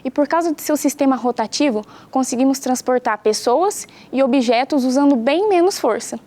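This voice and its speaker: A young woman teaches a school science class for pupils at home. Her voice sits high and light, and she explains each point clearly and patiently, often asking the children questions. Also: normal speed, warm tone. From Brazil.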